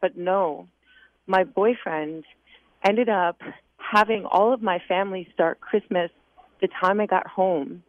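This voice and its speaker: A woman's voice: mid-range voice, slow, dry recording. Emotional woman caller on a phone line. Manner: emotional, choked up at times. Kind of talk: telling a personal story on air. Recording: tinny phone line, dry.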